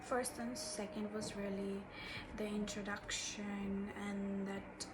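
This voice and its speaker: Slow-talking Bengali-accented woman, noisy recording. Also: mid-range voice, little pitch movement. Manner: halting, searching for words, self-deprecating. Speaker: book reviewer. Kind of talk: casual unscripted book chat.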